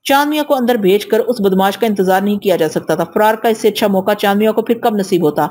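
A woman reading an audio novel aloud in first person, steady and measured. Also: mid-range voice.

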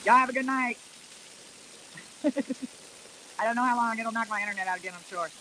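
A man's voice: extremely high pitch, fairly quick, bright, forceful tone, a little hiss or hum, poor audio. A man talking casually to viewers on a live stream. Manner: chatty, addresses viewers as y'all.

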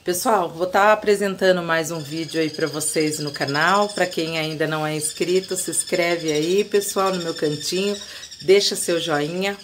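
Chatty Brazilian woman with a lowish voice. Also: fairly even intonation, moderate pace, background noise. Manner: chatty, keeps addressing viewers as folks. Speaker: gardening channel host. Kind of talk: casual home video chat. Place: home balcony among flower boxes.

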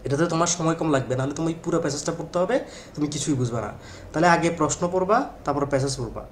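A man's voice: fairly high pitch, racing, a little hiss or hum. A man giving a casual exam-prep lecture in Bengali, chatty and repetitive, talking straight to his students. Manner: chatty, repeats points, addresses students directly. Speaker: admission test tutor.

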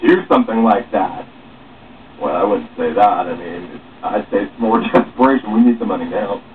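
A young man with a lowish voice reads his own script aloud, performing every part of the dialogue dramatically. He sits in a small room at home, picked up by a distant camera or webcam mic. The sound is tinny, muffled and phone-like, far off and noisy.

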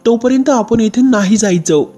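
A woman's voice: a little high, normal speed, dark tone, faint music behind, natural voice. A woman voicing a worried mother who anxiously insists on waiting for her son.

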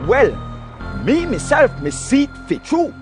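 High-pitched fervent desert prophet. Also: male voice, big pitch swings, measured pace, heavily acted. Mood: earnest testifying. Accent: Belizean Kriol. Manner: earnest, declamatory. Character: fervent male desert prophet, long-haired preacher. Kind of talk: dubbed film dialogue. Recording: music behind the voice.

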